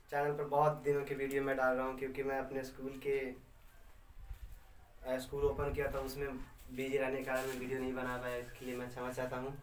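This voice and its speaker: A man teaching grammar to camera, feeling a little unwell, who keeps checking in with "है ना" and slows down to dictate rules. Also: medium pitch, echoey room, recorded from a distance. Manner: repeats "है ना" and "है कि नहीं" as checks, speaks slowly while dictating. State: slightly unwell, voice a little changed. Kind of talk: classroom-style lesson to camera.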